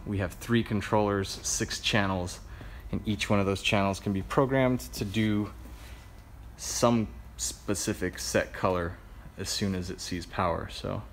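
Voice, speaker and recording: Tired low-voiced man hosting a live stream. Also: steady tone, measured pace, slight background noise. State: tired and out of breath. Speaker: car lighting shop host answering viewers. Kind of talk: live-stream Q&A while showing a build.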